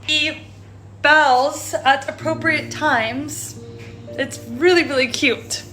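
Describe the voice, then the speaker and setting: A woman's voice: sits high, fairly even intonation, slow, music in the background. A young woman and mother chatting casually in a vlog, amused, listing things about her toddler. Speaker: mother vlogger.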